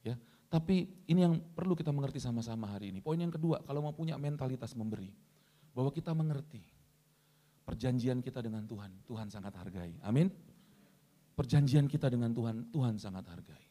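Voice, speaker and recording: Preaching briskly and with lively intonation, a male pastor keeps turning to his congregation and asking for amens. He alternates loud, high-pitched emphasis with soft, low asides.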